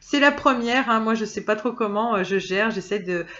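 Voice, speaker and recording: Woman card reader, rambling and warm-toned chat, faintly muffled recording. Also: a little high, moderate pace. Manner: chatty, many fillers and restarts. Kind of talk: casual spoken guidance video.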